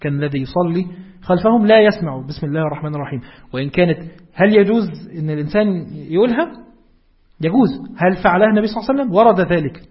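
A man's voice: sits high, animated, very fast, breathy edge, lo-fi sound. A man with an Egyptian Arabic accent giving a religious lecture, explaining step by step and asking his listeners rhetorical questions. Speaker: preacher.

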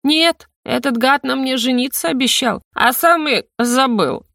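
A woman's voice: fairly high pitch, expressive, moderate pace, gravelly, no room sound, clean studio sound, voice pushed up. A woman voicing a drunk, giggly young woman stuck in a man's body, slurring and gushing in an audiobook. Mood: tipsy. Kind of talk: audiobook character reading.

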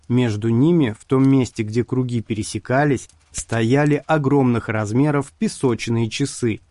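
Slow, measured male narrator. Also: medium pitch, a little mellow, dry recording. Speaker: audiobook narrator. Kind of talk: scripted narration.

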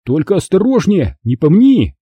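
A man's voice: high-pitched, sing-song, moderate pace, warm tone, husky, no echo, highs cut off, voice pushed up, full character voice. A man reading an audiobook, voicing a prickly, fussy teenage boy who guards his comic books. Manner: prickly and pleading.

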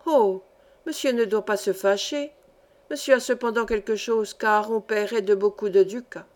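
A woman's voice: medium pitch, moderate pace, darkish tone, close to an everyday voice. A woman reading aloud, voicing a greedy, fawning old male peddler with a coaxing sing-song manner.

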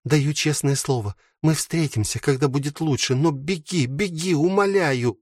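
A man's voice: on the high side, normal speed, a little mellow, dry recording, studio quality, voice pushed up, natural voice. A man reading an audiobook, voicing a frightened young woman who pleads urgently in a raised voice. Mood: pleading urgent.

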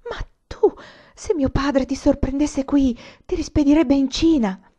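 Shy young woman in love, voiced by a woman reader, hushed whispers, soft, dark tone, dull lo-fi sound. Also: high voice, a little slow, voice pushed up.

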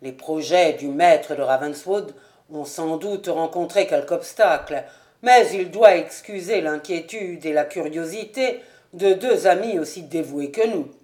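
Audiobook: a woman plays a wheedling, grasping male adventurer, lower voice. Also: unhurried, a little mellow. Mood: placating. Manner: wheedling and complaining. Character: scheming greedy male adventurer captain.

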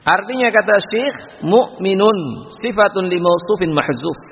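Male preacher, measured lecture delivery, slow chanted Arabic lines, husky tone; dull lo-fi hall recording. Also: high-pitched, lively intonation. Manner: measured, chants Arabic phrases slowly then explains. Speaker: Islamic preacher. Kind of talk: sermon-style religious lecture. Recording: lo-fi recording with long hall reverb.

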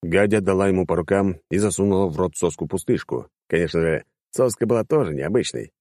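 A man narrating a first-person audiobook in a wry, lively storytelling manner. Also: low-pitched, fairly quick, dry recording, clean studio sound.

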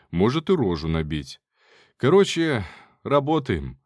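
A man's voice: on the low side, no echo, clean studio sound. A man giving casual first-person audiobook narration in a wry, colloquial manner.

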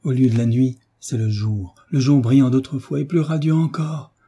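A man voicing an emotional young pupil overflowing with enthusiasm, in a dark, husky voice. His words come out exalted and carried by emotion. It is read in an audiobook. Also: medium pitch, steady tone, normal speed, close to an everyday voice. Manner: exalted, breathless with feeling. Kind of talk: audiobook reading.

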